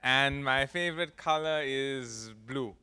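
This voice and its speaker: A man in his twenties answers questions from the floor. His voice is bright and very clear, and he hesitates with filler sounds between his answers. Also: mid-range voice, slow pace. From South Africa. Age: 20s. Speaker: audience volunteer, student.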